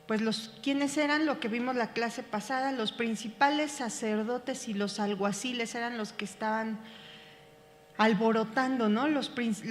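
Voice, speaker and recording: A woman, reading scripture and then explaining it slowly, with many fillers and restarts. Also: fairly high pitch, big-room sound, slight background noise. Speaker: Bible class teacher. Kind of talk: Bible reading and class commentary.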